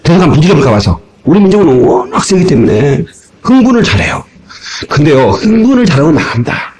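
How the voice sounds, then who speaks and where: A male pastor preaching a sermon in an animated way, acting out little dialogues and raising his voice at times, heard from an old cassette tape recording. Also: a little high, fairly quick, low-quality recording. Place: church sanctuary.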